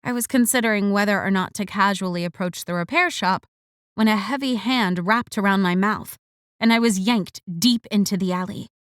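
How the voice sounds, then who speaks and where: A woman narrating a first-person romance audiobook with an expressive, wry delivery. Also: mid-range voice, moderate pace, dry recording, studio quality. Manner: expressive, wry inner monologue.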